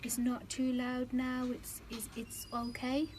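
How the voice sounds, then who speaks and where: A woman working as an audiologist, calmly and patiently explaining a hearing implant fitting in a clinic. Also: high voice, slow, noisy background. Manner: calm, patient, reassuring.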